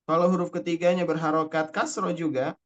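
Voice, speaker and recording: A young male Arabic teacher explains spelling rules patiently, step by step, and repeats the key words so students keep up. His voice sits a little higher than most men's, and now and then he slows to recite a verse in a measured chant. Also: level tone, lo-fi sound. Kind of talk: online Arabic spelling lesson.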